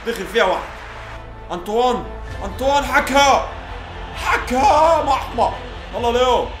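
A young man with an Egyptian accent, commentating his own football video game match and shouting and pleading at the play. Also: extremely high pitch, animated, moderate pace. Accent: Egyptian Arabic. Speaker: gaming YouTuber. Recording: echoey room with game music.

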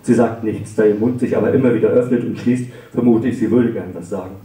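A man reading his own darkly comic first-person stories at a live event, dry and sarcastic, often breaking into shrill mock-furious rants. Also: steady tone, quick pace, warm tone. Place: library event hall. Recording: roomy hall, voice far from the mic.

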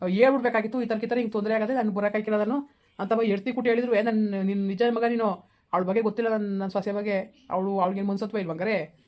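A woman's voice: mid-range voice, steady tone, quick pace, a little mellow, close to an everyday voice. A woman playing a stern elderly village father-in-law, blunt and questioning. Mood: gruff. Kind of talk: village skit acting.

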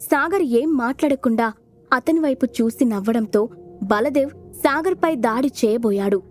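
A woman narrating an audio storybook in a steady, expressive reading. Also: on the high side, normal speed. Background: soft background music.

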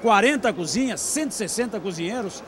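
High-voiced agreeable male interviewer. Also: lively intonation, a little fast, fairly bright tone. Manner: agreeable, keeps chiming in to affirm. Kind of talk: outdoor event interview. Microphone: handheld mic.

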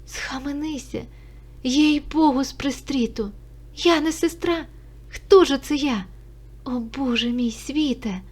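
A woman voicing a young village girl, anxious and impulsive, pleading and questioning in a raised voice. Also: a little slow. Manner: high, pleading, breathless questions.

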